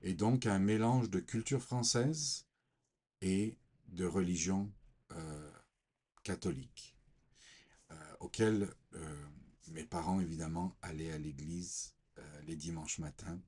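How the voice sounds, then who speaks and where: A man from Portugal gives his personal faith testimony in a deep, husky voice. He speaks slowly and haltingly, stopping often with fillers as he reads scripture and recounts his past. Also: steady tone, dark tone. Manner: slow, hesitant, many fillers.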